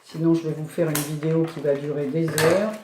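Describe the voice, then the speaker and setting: A woman's voice: sits low, little pitch movement, brisk, background noise. An older woman chatting casually as she opens her mail for a scrapbooking video, rambling with fillers. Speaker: scrapbooking YouTuber. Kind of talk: casual chat while opening mail. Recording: echoey room.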